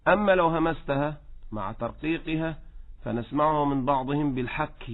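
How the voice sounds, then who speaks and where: A man teaching Quran recitation rules, patiently correcting and slowly modeling each word. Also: a little high. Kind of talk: tajweed lesson with recited examples. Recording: tinny phone-like line.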